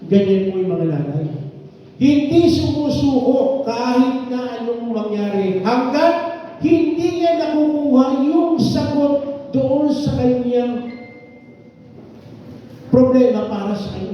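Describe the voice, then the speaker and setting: A man preaching a sermon with emphatic swings between loud and soft. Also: very high voice, a little hiss or hum. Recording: echoey hall from far off, muffled.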